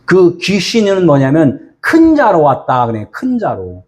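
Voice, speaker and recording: A man's voice: fairly high pitch, huge pitch swings, measured pace, a little mellow. A male pastor giving a sermon, firing rhetorical questions at the congregation.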